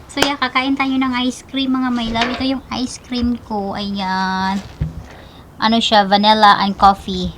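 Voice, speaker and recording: A woman's voice: fairly high pitch, flat delivery, a little slow, noisy background. A woman from the Philippines chatting casually in her vlog, mixing in English and cooing at her dog now and then. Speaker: vlogger. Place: outdoors at home in the evening.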